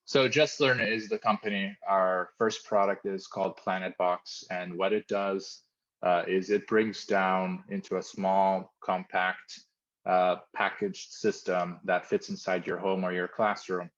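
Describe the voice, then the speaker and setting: A man with a very low voice, from Mozambique, talks through his company's work in a careful, thoughtful way with plenty of fillers. He is heard over a video call, and the sound is dull and muffled. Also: level tone, a little slow. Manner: thoughtful, explanatory, with frequent fillers. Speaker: company founder, interview guest.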